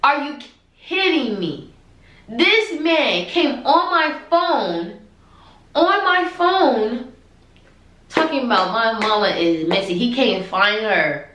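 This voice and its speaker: A young woman telling a storytime tale with dramatic, exasperated energy. Her voice is fairly high and swings widely as she tells it. The sound echoes in a roomy space. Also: expressive, takes it slowly, fairly bright tone. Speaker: vlogger. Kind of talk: storytime vlog. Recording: echoey room.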